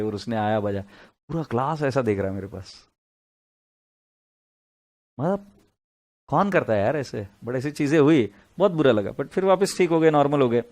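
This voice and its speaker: A man's voice: lowish voice, darkish tone. A middle-aged man giving a casual classroom lecture, telling stories and joking with his students. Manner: chatty, joking, mixes Hindi and English. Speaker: accounts lecturer.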